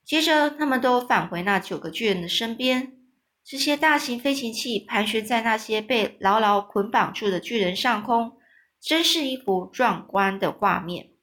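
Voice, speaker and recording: A woman's voice: fairly high pitch, moderate pace. Woman reading a children's story aloud. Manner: stops to explain hard words simply, relaxed, with restarts.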